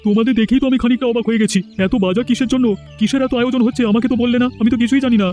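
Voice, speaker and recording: A man's voice: very high voice, fairly even intonation, very fast, a little mellow, faint music behind. A man voicing an anxious village man in a cartoon. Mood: puzzled.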